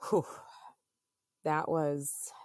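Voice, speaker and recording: A woman in her thirties, a podcast guest, telling a personal story in a halting, earnest way with many fillers. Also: deep voice, level tone, darkish tone, no room sound, studio quality.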